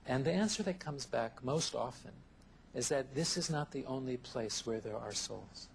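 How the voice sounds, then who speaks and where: Creaky man on a worn VHS tape copy. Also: mid-range voice, lively intonation, a little hiss or hum. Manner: thoughtful, measured, lists ideas one by one. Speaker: interview guest, therapist. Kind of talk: reflective interview answers.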